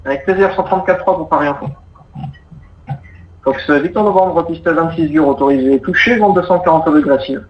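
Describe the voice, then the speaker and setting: A man with a fairly high voice speaks fairly quickly as an air traffic controller, giving procedural, courteous instructions and explanations over the radio. The audio is muffled and roomy radio sound with faint noise.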